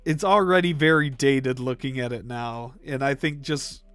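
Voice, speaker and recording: A man's voice: mid-range voice, normal speed, fairly bright tone, soft background music. A young man livestreaming, ranking movies in casual chat, rambling with fillers and coughing now and then. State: coughing, throat irritated. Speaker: live stream host.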